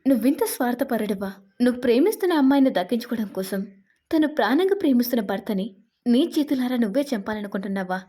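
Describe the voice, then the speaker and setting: A woman's voice: fairly high pitch, animated, fast talker, mellow. A woman voicing a weeping, pleading mother. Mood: tearful. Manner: tearful, pleading. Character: grieving middle-aged mother pleading through tears.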